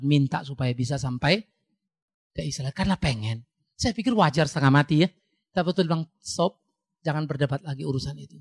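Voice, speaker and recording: A male pastor preaching a sermon in an animated, emphatic way, with sudden rises for emphasis. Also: medium pitch, husky, dry recording, clean studio sound.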